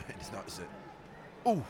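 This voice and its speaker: A man's voice: deep voice, huge pitch swings, slow pace, a crowd in the background. A man with a Yorkshire accent hosting a football podcast outdoors, mixing blunt, teasing banter with casual live match commentary. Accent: Yorkshire English. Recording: outdoor football ground, traffic and ambient noise.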